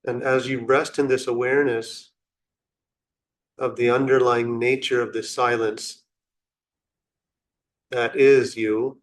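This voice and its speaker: Speaking in short phrases separated by long silences, a man leads a guided meditation in a slow, contemplative, instructional manner. His pitch is medium and barely moves.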